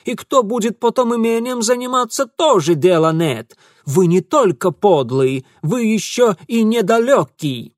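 A man voicing an indignant, self-righteous young man who scolds loudly and with contempt in an audiobook. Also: high voice, animated, a little slow, few pauses, no room sound, studio quality, voice pushed up. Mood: accusing.

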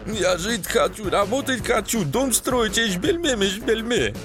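Guy putting on a high whiny foreman, broken russian, panicky and begging, storybook reading with faint music. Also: wildly swooping pitch, takes it slowly, full character voice. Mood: whimpering. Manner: whiny, pleading, high-pitched.

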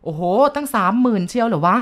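A woman playing a gruff, scolding uncle. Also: fairly high pitch, big pitch swings, fast, a bit bright, pitched above the performer's own voice. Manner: blunt, coarse scolding. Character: gruff middle-aged man, scolding uncle.

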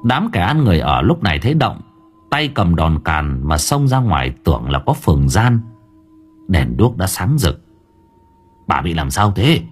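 Male audiobook narrator, husky low voice, lively pitch, faint background music. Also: moderate pace. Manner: expressive, dramatic reading. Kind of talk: storytelling narration.

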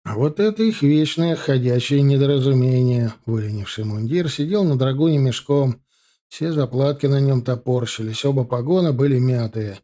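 A man narrating an audiobook in a calm, even storytelling manner. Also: medium pitch, normal speed.

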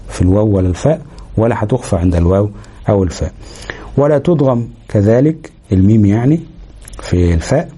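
Fast-talking Egyptian man, dark voice. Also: on the low side, husky. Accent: Egyptian Arabic. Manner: explains step by step, pauses with fillers, checks understanding. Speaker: Quran recitation teacher. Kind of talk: explanatory lesson.

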